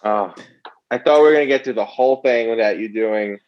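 A man's voice: medium pitch, brisk, lo-fi sound. Dry, teasing male podcast host. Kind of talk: casual sports podcast chat.

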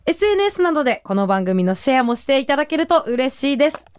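A woman's voice: high voice, big pitch swings, quick pace, no room sound, studio quality. A woman assisting on a casual radio lesson, an eager learner who repeats phrases and often acknowledges with short replies.

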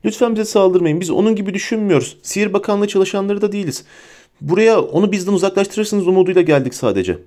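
A man's voice: sits high, expressive, fast, dark tone, pitched above the performer's own voice. A man voicing an earnest, clever teenage girl, urgent and out of breath. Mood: pleading. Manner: urgent and pleading.

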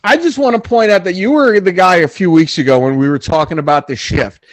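Blunt, high-voiced male sports podcaster. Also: fairly quick, dry recording, poor audio. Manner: blunt, opinionated, swears freely. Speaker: podcast co-host. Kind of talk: casual sports talk.

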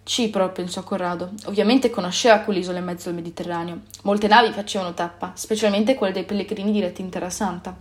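A woman narrating a story in a calm, even storytelling manner. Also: fairly low pitch, quick pace, few pauses. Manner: calm, even storytelling with small self-corrections.

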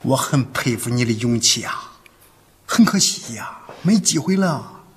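A man's voice: mid-range voice, lively intonation, a little slow, husky. An actor playing a sly male mountain bandit who poses as a waiter, speaking, wheedling one moment and menacing the next. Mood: gloating. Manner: wheedling, then swaggering and menacing. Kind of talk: sitcom acting.

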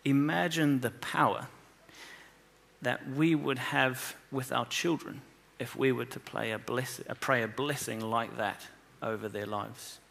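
A man's voice: medium pitch, fairly even intonation, measured pace, gravelly, a bit bright. A man teaching children, retelling a scripture story with emphasis and rhetorical questions. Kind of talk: scripture reading and moral lesson.

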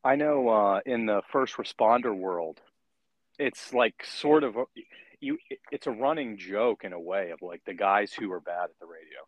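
A man's voice: lowish voice, animated, normal speed, no echo, highs cut off. A man hosting a casual interview, talking in long, rambling turns and checking in with the guest as he goes. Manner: rambling, keeps checking in with "right?". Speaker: podcast host.

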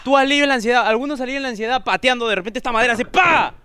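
A man's voice: very high-pitched, rapid-fire, a crowd in the background. A young Peruvian man co-hosting a comedic podcast, full of teasing, ironic comebacks. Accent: Peruvian Spanish. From Peru. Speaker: podcast co-host. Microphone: desk podcast mic.

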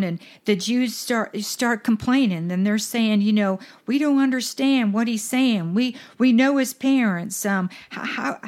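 Woman minister, mid-pitch, earnest scripture reader who slows for emphasis. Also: darkish tone. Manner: earnest, slows down to stress verses. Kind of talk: reading and explaining scripture.

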